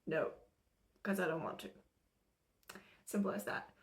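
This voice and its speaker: Her voice low and unhurried, a young German woman with an American English accent casually chats through her makeup routine in her room. As a spiritual channeler and content creator, she rambles, laughs often and uses plenty of fillers in this get-ready-with-me talk, shot close-up with the camera as a mirror.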